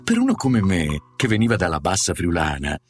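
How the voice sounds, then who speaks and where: A man's voice: low-pitched, huge pitch swings, fairly quick. A man narrating a short story with a wry, ironic manner. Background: guitar music.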